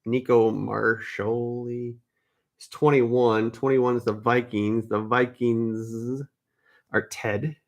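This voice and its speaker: A man's voice: mid-range voice, steady tone, slow pace. A man hosting a live card break, chatting casually, calling viewers by name and fixing his own mix-ups.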